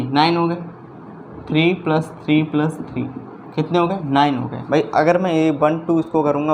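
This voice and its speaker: A man teaching a math lesson who explains slowly and repeats himself, often checking that the viewer follows. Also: on the high side, a little mellow, a little hiss or hum. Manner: slow, repetitive explaining, often checking understanding.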